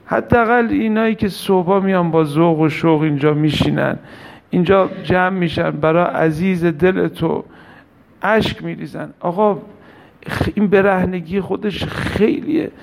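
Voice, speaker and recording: A man's voice: sits high, gravelly. A man delivering a religious mourning sermon in an emotional, pleading, lamenting manner. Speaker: mourning preacher.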